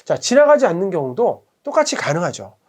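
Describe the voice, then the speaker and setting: A middle-aged man, head of a tutoring academy, giving a whiteboard math lesson and patiently repeating each term slowly. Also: sits high, sing-song. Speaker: academy director teaching math.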